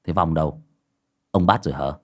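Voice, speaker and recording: A man voicing a blunt, fierce young exorcist with a low, gruff delivery. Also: fairly quick, a bit bright. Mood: dry.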